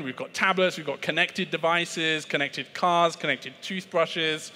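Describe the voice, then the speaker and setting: In a cavernous conference hall with lingering reverb, a British sales keynote speaker talks in a bright, pushy, slightly high voice. He's conversational and self-deprecating, frequently stalling on fillers and starting sentences again.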